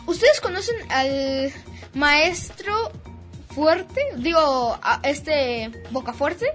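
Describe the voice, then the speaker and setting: Chatty co-host woman, super high bright voice, keeps restarting words. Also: extremely slow, faint music behind. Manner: animated, stumbling restarts. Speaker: co-host of a school radio show. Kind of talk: casual chat.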